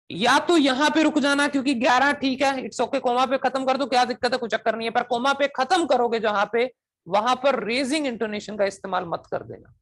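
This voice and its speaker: A man's voice: extremely high pitch, a bit bright. A man teaching a coaching class, constantly asking students whether they understand and drilling them with questions. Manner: switches between Hindi and English demonstration phrases.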